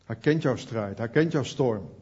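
A man's voice: mid-range voice, expressive, a little slow, warm tone, husky, dull audio. A man preaching an earnest sermon, speaking directly to his listeners.

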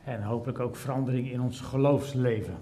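A middle-aged preacher in a church service that is also streamed to people at home. His voice sits at a medium pitch for a man. He starts soft and measured, then rises into loud, repeated, emphatic lines. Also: fairly even intonation, a little hiss or hum. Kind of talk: sermon with Bible reading.

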